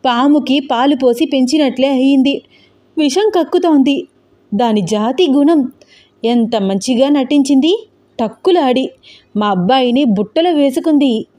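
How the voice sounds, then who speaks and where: A woman voicing a scheming middle-aged wife who wails and shouts accusations in a spoken story. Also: close to an everyday voice. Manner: shrill, wailing, accusing. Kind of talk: storybook acting.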